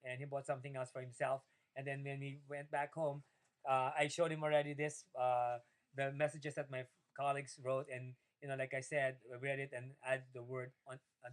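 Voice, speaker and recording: A man from the Philippines, speaking English as a second language, recounting his day in a rambling video diary with many fillers and restarts. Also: rough recording. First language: Tagalog. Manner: rambling, many fillers and restarts, rises in pitch when opinionated. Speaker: video diarist. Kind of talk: casual personal video diary.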